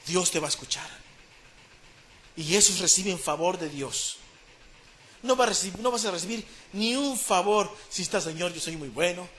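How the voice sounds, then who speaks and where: A man with a Mexican Spanish accent preaching a sermon, swinging between hushed pleading and loud, fervent repetition. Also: sits high, normal speed, long pauses, slight background noise.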